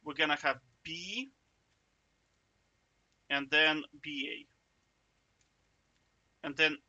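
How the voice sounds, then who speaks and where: A man's voice: on the high side, steady tone, extremely slow, bright, forceful tone, dull audio. A man giving a casual, chatty coding walkthrough, thinking aloud and checking in with the viewer. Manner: chatty, self-interrupting, jokey asides; checks in with "right?" often. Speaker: coding tutor.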